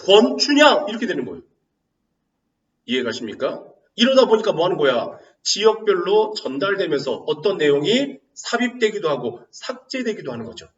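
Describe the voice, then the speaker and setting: A man teaching literature in a lively lecture, firing rhetorical questions and teasing his students. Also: high-pitched, moderate pace, roomy sound, recorded from a distance, highs cut off. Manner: asks rhetorical questions and answers himself, teasing. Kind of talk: animated classroom lecture.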